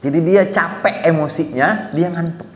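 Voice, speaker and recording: A man's voice: a little high, normal speed. A man with a Banjar Malay accent preaching a casual, storytelling sermon, acting out quotes and asking the listeners questions. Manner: lively, acts out quotes, asks listeners questions. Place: small prayer hall. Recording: echoey prayer hall with long reverb.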